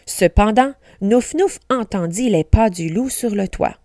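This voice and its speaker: A woman teacher reading a storybook aloud slowly, carefully pronouncing each word for learners. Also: medium pitch, expressive, dark tone, no echo, studio quality.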